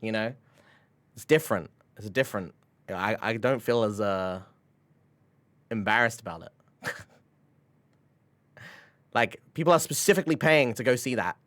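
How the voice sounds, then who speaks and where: A man's voice: lowish voice, moderate pace, long pauses, a bit bright. Laid-back young man streaming, rambling chat. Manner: rambling, laughing, swearing, frequent "like" and "bro". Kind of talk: casual live-stream chat.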